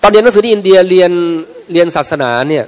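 A man's voice: sits high, quick pace. A man, a religious teacher, gives an informal lecture and livens it up by acting out small everyday scenes. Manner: lively storyteller who acts out little everyday scenes. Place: mosque prayer hall. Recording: long reverb of a large prayer hall.

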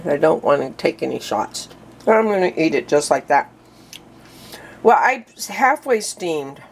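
A low-pitched woman talks slowly through a casual cooking demonstration in her home kitchen. She rambles, restarts her sentences and fills gaps with "um", a little out of breath. Faint clatter of pots and dishes sits behind her. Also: very animated, creaky, slight background noise. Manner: rambling, chatty, many fillers and restarts. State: breathing hard.

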